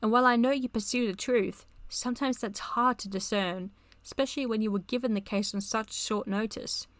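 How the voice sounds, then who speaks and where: Woman reading as a calm reassuring father. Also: fairly high pitch, brisk, dry recording, natural voice. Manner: read aloud from a chat log. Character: older male lawyer father, calm and reassuring.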